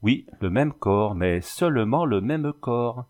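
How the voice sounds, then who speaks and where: A man voicing a pale, haunted young woman vampire in a storybook reading, hushed and plaintive. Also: mid-range voice, animated, takes it slowly. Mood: melancholy.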